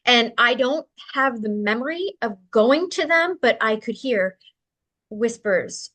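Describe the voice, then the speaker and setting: Earnest woman with a slightly high voice. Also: lively intonation, slow pace, fairly bright tone. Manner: earnest and open, with light laughs and fillers. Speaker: interview guest, spiritual practitioner. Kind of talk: personal storytelling in a conversation.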